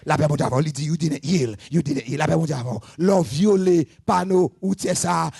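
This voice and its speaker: A man preaching a sermon, moving between soft talk and shouted, sing-song preaching. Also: fairly high pitch, normal speed, creaky, breathy edge, dry recording, clean studio sound.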